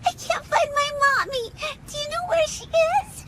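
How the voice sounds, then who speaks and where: A woman's voice: extremely high pitch, moderate pace, very noisy. A woman in an English anime dub voicing an innocent, anxious little girl, childlike and wide-eyed. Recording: loud music behind the voice.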